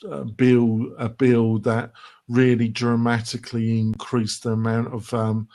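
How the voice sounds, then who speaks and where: English male host, mid-pitched, sardonic and rambling, plenty of ums. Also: level tone, unhurried, a little mellow. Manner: sardonic, filler-heavy questioning. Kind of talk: casual panel discussion.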